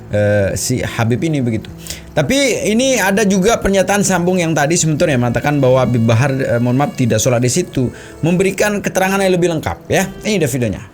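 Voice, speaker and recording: Cautious male news commentator. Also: medium pitch. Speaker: host.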